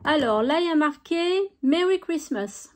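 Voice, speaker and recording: A woman's voice: high-pitched, lively intonation, unhurried. A woman chatting enthusiastically as she shows off craft supplies, with frequent fillers. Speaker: craft YouTuber. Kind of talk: casual product show-and-tell.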